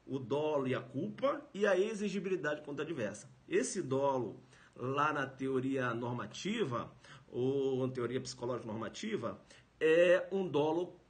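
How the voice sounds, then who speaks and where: Delivering a law lecture over a live stream, this medium-pitched male teacher speaks with a Brazilian Portuguese accent. He's emphatic, says things more than once and keeps adding tag questions.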